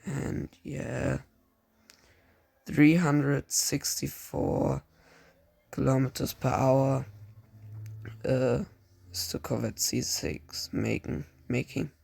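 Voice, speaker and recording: A man with a German accent, a native German speaker, giving casual commentary on a racing game, halting often with fillers and restarts. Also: mid-range voice, fairly even intonation, vocal fry, a little mellow, husky. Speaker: gaming YouTuber.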